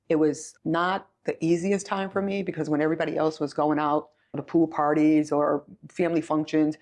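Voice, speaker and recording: A sixty-year-old chief executive appears as a podcast guest, telling her story conversationally. Her voice is low with a darkish tone, and she speaks earnestly, repeating phrases for emphasis.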